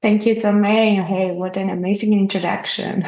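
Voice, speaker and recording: A woman's voice: mid-range voice, little pitch movement, moderate pace, a little mellow, reverberant, highs cut off. A woman from Albania, a guest in an interview, speaking hesitantly and modestly, with fillers and restarts. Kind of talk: casual interview conversation.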